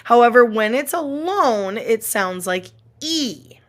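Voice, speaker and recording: A woman's voice: a little high, animated. Patient woman teaching a recorded lesson. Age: adult. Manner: patient, explains slowly, repeats example words. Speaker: Spanish teacher.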